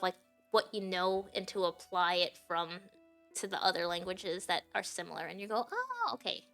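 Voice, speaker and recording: A Japanese woman, whose first language is Japanese, chats casually on a livestream, rambling with lots of fillers and restarts. Her voice is fairly low in pitch and a bit bright.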